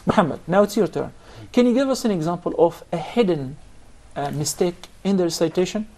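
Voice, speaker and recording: A man's voice: high voice, expressive, fairly quick, warm tone, slight background noise. Man teaching Quran recitation patiently. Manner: patient, explanatory, questions students. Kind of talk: classroom instruction.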